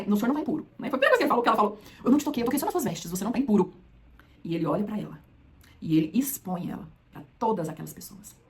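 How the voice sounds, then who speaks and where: A Brazilian woman preaching a sermon, retelling a Bible story with acted quotes, swinging between loud outbursts and hushed lines. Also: medium pitch. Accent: Brazilian Portuguese.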